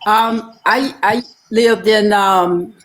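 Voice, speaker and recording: A woman from Alabama calling in to a live show, hesitant and pausing often. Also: medium pitch, steady tone. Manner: hesitant, lots of pauses and fillers. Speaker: caller. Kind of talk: casual call-in.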